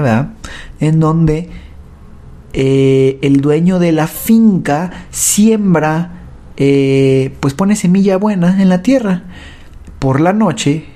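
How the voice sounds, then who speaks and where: Giving a personal testimony of faith, a Mexican-accented man speaks in a mellow, somewhat high voice; he halts, repeats himself, and frequently tags a question onto his sentences.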